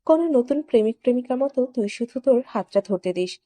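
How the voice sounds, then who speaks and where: A woman's voice: on the high side, lively intonation, brisk, dark tone, no room sound. A woman voicing a lovesick, tearful younger brother who pleads intensely, in a storytelling narration. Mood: earnest.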